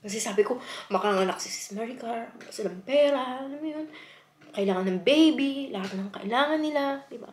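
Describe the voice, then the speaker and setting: A woman's voice: on the high side, expressive, a little fast, slight background noise. A woman from the Philippines chatting heartfelt to her viewers in a casual vlog, mixing in English and often calling them "guys". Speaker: vlogger. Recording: roomy echo.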